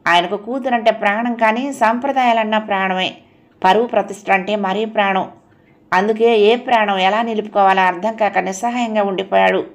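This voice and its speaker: A woman's voice: medium pitch, fairly even intonation, normal speed. A woman audiobook narrator reading a novel aloud, raising her voice for the characters' dialogue.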